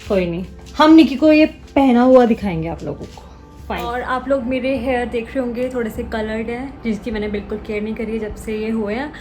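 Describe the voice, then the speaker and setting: A woman's voice: a little high, fairly quick, a little mellow, faint music behind. A young woman chatting casually in a home vlog, teasing her sister and talking to viewers. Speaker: vlogger.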